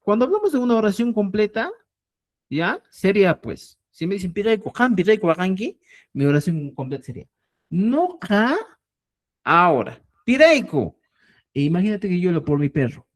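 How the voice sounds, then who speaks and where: A man's voice: high voice, moderate pace. A man teaching a live online Quechua lesson, drilling phrases and checking in often. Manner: animated, drills phrases and keeps asking "¿ya?".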